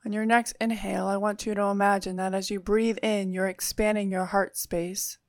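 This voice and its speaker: A woman leading a guided meditation in a soothing, unhurried manner with long pauses. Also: mid-range voice, little pitch movement, dry recording, studio quality.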